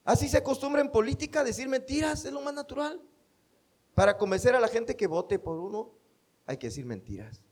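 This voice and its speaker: A man's voice: very high-pitched, expressive, brisk, darkish tone. A man with a Mexican accent preaching a sermon, emphatic and quoting scripture. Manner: emphatic, quotes scripture, acts out quoted speech.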